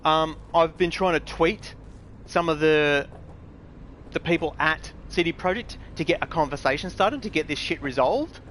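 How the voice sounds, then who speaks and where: Annoyed guy ranting and swearing, bit higher voice, faint noise behind. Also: moderate pace, a bit bright. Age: adult. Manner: frustrated, blunt, swearing, mocking quotes of others. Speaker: gamer vlogger. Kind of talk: angry ranting commentary.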